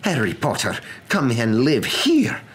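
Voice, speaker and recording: A man's voice: mid-range voice, wildly swooping pitch, slow, fairly bright tone, slight background noise, pitched above the performer's own voice, exaggerated voice. A man voicing a stern, anxious older witch professor, faltering and emphatic, in a storybook reading. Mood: appalled.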